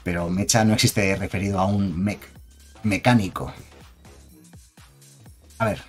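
A man's voice: low voice, steady tone, unhurried, faint music behind. A man with a Spain Spanish accent giving chatty, digressive live-stream commentary on game cards and reading chat aloud.

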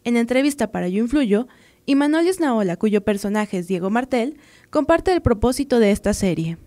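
A woman reporter from Mexico reads a scripted news voice-over with a mellow, rather high tone. Her delivery is measured and formal. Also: very animated.

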